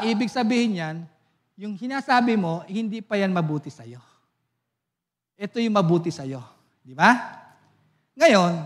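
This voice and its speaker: A male pastor preaching a sermon at a church service, telling stories with a laugh and asking the congregation for amens. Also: high-pitched. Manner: lively storytelling, laughs often, asks the congregation for amens.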